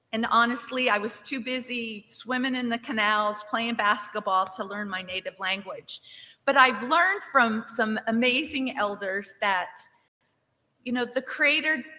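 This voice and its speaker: A director from Nevada, a woman with a slightly high voice, opens a conference with upbeat welcome remarks, asking the crowd for shows of hands and cheering their responses. Her interactive speech echoes through a large, reverberant conference hall.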